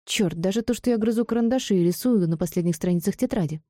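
A woman's voice: mid-range voice, quick pace, dark tone, dry recording, studio quality, close to an everyday voice. A woman voicing an earnest, anxious young female student who talks things through carefully, in an audiobook.

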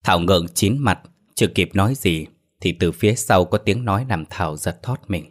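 A male storyteller, reading a narrated village tale in a steady, measured way. His voice sits very low and even. It sounds like an audio story narration.

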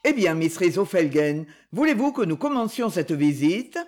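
A woman's voice: fairly low pitch, sing-song, moderate pace, darkish tone. A stern, haughty nobleman speaking with cold, clipped politeness, as a woman narrator reads his line. The tone is formal and distant, from an old romance novel reading. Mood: coldly polite. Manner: coldly polite.

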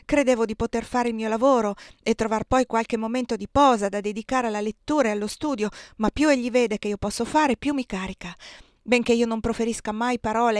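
In a dry, close audiobook recording with no echo, a woman with a slightly high voice reads, lightly acted, as an enslaved young husband. He speaks grimly and bitterly about his master.

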